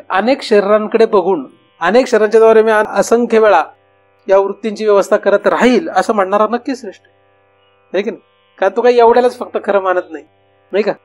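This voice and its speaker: A man with a Marathi accent giving a devotional discourse as a spiritual teacher, talking conversationally and putting rhetorical questions to his listeners. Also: sits high. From India.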